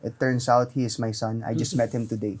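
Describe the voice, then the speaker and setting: A man quoting his middle-aged father in a taped interview, switching from brisk questions to a calm, preacherly telling. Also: medium pitch, voice pushed down, natural voice. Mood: settled.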